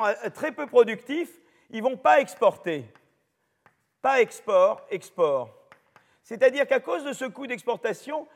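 Older french guy lecturing, kinda high voice, rambly with lots of euh, big echoey lecture hall. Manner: chatty, digressive, many fillers and restarts. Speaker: professor lecturing. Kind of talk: university lecture. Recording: long reverb of a lecture hall.

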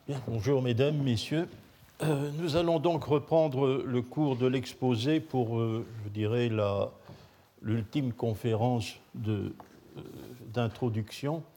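A man's voice: medium pitch, slow, mellow. An older man lecturing to an audience in French, hesitant, with frequent filler sounds. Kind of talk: academic lecture.

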